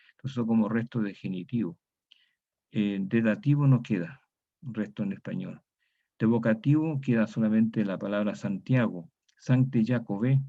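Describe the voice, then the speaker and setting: Latin American Spanish male lecturer, lowish gravelly voice, patient and methodical, dull lo-fi recording. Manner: methodical, repeats example words slowly, asks "¿cierto?". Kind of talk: university lecture on historical grammar.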